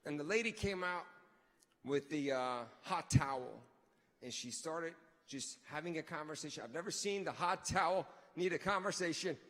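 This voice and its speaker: A man with a high, bright voice tells a comic story as an event host. He talks in an animated way and acts out the voices and sounds. His voice rings through a large hall with a long echo. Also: moderate pace.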